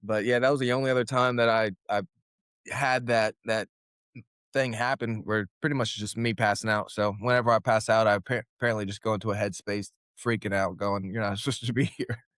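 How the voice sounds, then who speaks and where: A man's voice: fairly low pitch, fairly even intonation, fairly quick, a bit bright, clean tone, no echo, clean studio sound. A young man, a guest fighter, telling a story in a casual interview and acting out his own quotes.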